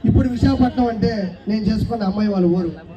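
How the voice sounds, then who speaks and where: A man who owns a restaurant, speaking at its opening and calmly listing branches and thanking guests. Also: high voice, very fast, roomy sound, highs cut off. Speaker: restaurant owner. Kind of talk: speech at a shop opening. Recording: distant mic, loud crowd.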